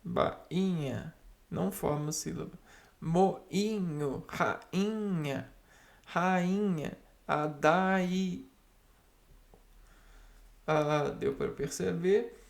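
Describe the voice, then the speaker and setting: A man with a gravelly, creaky voice works through grammar rules at a very slow pace. He halts often and repeats single words to himself as he reads and explains. The tone is that of solitary study. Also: on the high side. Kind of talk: reading and explaining spelling rules aloud.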